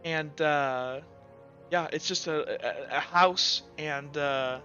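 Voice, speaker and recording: The game master of a tabletop roleplaying game makes up the narration as he goes, speaking slowly in a fairly high, sharp voice. Casual and hesitant, he keeps reaching for "like" and "kinda." The audio is dull and lo-fi, with music in the background.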